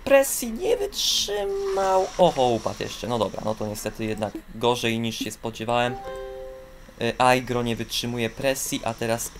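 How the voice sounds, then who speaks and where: Excitable man commentating ski jumping. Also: normal speed, music in the background. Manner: bursts into high excited shouts on long jumps; fillers and restarts. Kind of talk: excited sports commentary over a video game.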